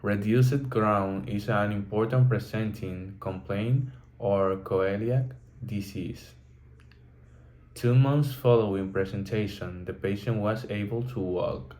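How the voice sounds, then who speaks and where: A man teaching a vocabulary lesson, reading from a textbook carefully and pausing to restart words. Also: lowish voice, darkish tone.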